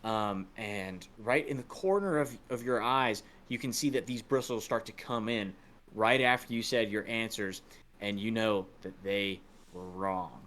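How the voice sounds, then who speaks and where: A man's voice: fairly low pitch, unhurried, a bit bright. A man narrating as dungeon master of a tabletop game, casual and rambling, with lots of fillers.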